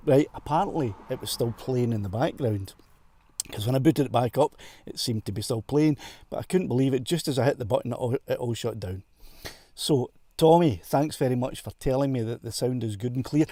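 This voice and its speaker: Scottish man, live-stream host, mellow warm tone, dry close sound, chatty, laughs at himself. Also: medium pitch, no echo. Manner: chatty and self-deprecating, laughs often. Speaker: livestream host. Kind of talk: casual live-stream chat. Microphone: clip-on wireless mic.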